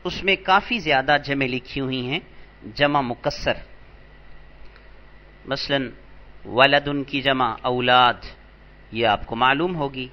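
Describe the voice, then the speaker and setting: A man teaching an Arabic grammar lesson, patient and slow, repeating each word for emphasis. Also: medium pitch, muffled recording. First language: Urdu. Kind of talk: lecture explaining vocabulary.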